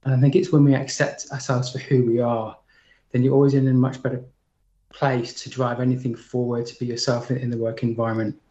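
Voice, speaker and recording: Earnest man in his forties, flat delivery. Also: medium pitch, brisk, reverberant, highs cut off. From United Kingdom. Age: 40s. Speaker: guest speaker. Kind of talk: formal panel talk.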